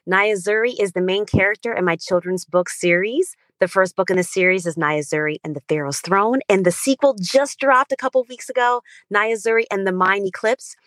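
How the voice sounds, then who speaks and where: A woman's voice: medium pitch, brisk, hardly any pauses, fairly bright tone, no echo. A young adult woman, an author, answering podcast interview questions with earnest, flowing enthusiasm. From Germany. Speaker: children's book author, guest.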